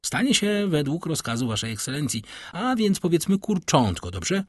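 A man's voice: fairly high pitch, big pitch swings, normal speed, husky, no echo, studio quality, pitched above the performer's own voice. A man voicing a mock-polite, fawning male bandit jailer who talks in a sugary, teasing way.

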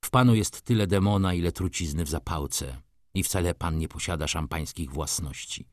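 A stern middle-aged merchant, as a male reader puts him on, talks low and hushed in a hollow voice. Each word comes slow and measured, coldly formal. The sound is close and dry in an audiobook. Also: dry recording, lightly acted. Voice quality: hollow, muted voice. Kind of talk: audiobook character reading.

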